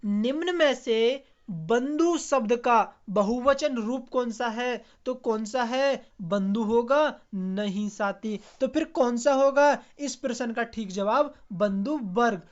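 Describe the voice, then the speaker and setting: A man teaching an online exam practice lesson, asking viewers questions and answering them himself. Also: extremely high pitch. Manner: quizzes viewers, repeats and answers own questions. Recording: dull lo-fi recording.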